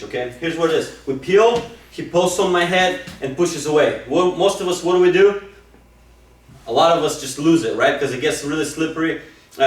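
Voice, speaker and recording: Recorded off-mic from across an echoey room, a man with a voice on the high side teaches wrestling moves. His demo is eager and step-by-step, constantly punctuated by "super" and "okay?"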